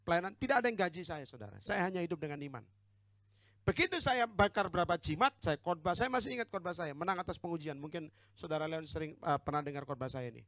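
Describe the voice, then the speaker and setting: A man's voice: a little high, lively intonation, quick pace, fairly bright tone, no echo, studio quality. A man preaching a sermon as pastor, with an Indonesian accent, who calls out to the congregation for amens and teases them bluntly.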